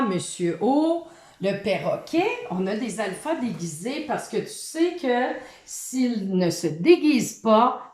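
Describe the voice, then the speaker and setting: A woman giving a reading lesson to a child, in a sing-song voice, sounding out letters and syllables slowly. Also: mid-range voice, echoey room.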